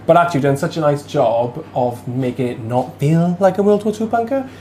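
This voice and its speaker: Excitable Welsh Valleys host, noisy room. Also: medium pitch, a little fast. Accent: South Wales Valleys. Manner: excitable, effusive. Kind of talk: casual on-location interview. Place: indoors in a converted bunker.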